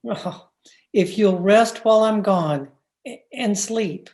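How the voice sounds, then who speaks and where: A woman playing Edgar, a gentle, devoted husband, with a soft, solicitous manner in an old-time radio drama. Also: medium pitch, takes it slowly. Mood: tender, concerned. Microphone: recorded remotely over video call.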